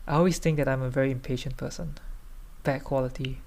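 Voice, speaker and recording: Tipsy, rambling man with creaky voice. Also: mid-range voice, steady tone, fast talker, a little mellow. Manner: hesitant, trailing off and circling back. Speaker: podcast host. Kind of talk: rambling casual solo chat.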